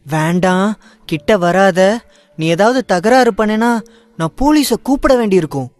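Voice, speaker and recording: A man's voice: expressive, a little slow. A man doing a frightened, tearful young woman. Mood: frightened, defiant. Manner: high strained pleading voice.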